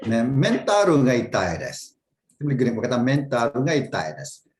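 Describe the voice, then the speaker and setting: A man's voice: medium pitch, very animated, moderate pace, slight background noise. A man teaching a casual online Japanese class, patiently repeating words for his students to echo.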